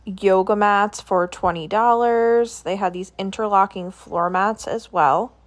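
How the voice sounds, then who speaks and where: A woman films a casual stroll through a grocery store on her phone, chatting about products and reeling off items and prices. Her voice sits in the mid-range and she talks a little slowly.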